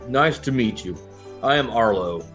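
A man's voice: mid-range voice, animated, moderate pace, a bit bright, close to an everyday voice. Man acting a friendly wandering adventurer, jovial town-drunk manner, rambling, tabletop role-play, music behind.

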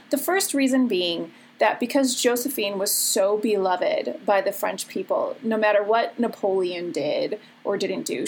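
A woman's voice: mid-range voice, slight background noise. Breezy Chicago woman podcast host. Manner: gossipy, breezy and conversational. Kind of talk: chatty history podcast.

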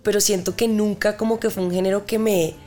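Lively woman singer from Cali. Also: medium pitch, a little fast, soft background music. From Cali, Colombia. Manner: lively storyteller imitating notes with sung syllables. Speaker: guest singer-songwriter. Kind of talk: casual interview chat.

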